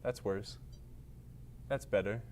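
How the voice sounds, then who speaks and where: A man's voice: lowish voice, slow pace, darkish tone, a little hiss or hum. A man hosting a casual live stream, rambling and joking at his own expense while he fiddles with the camera and lights in a studio space at his workplace. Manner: rambling, self-deprecating, talking to himself while adjusting the camera. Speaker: livestream host.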